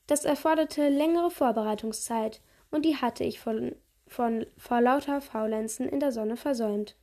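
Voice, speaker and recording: A woman's voice: on the high side, normal speed, mellow. A woman reading a children's novel aloud steadily, with small slips and restarts. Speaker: podcast reader.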